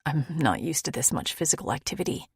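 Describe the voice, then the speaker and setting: A woman voicing a worn-out, frank young woman who talks in a breathy, wry way. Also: low-pitched, very animated, quick pace, no room sound, clean studio sound, heavily acted. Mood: weary, relieved.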